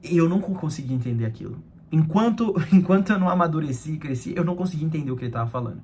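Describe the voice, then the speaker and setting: Young man, slightly high voice, friendly devotional talk, faint background noise. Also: lively intonation, racing, darkish tone. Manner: conversational, addresses listeners as friends, frequent tag questions.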